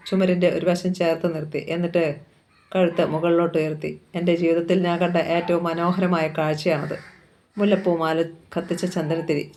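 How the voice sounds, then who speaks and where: A woman reads a first-person novel aloud in a steady, sorrowful tone. Her pitch barely moves, which keeps the telling level and unhurried. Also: a little hiss or hum. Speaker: novel reader.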